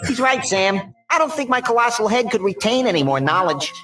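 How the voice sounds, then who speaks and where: A man's voice: sits high, big pitch swings, a little fast, sharp tone, full character voice. A man voicing a manic, sarcastic little rabbit-like sidekick in a cartoon adventure game, with flippant delivery. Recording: game audio with prominent music behind.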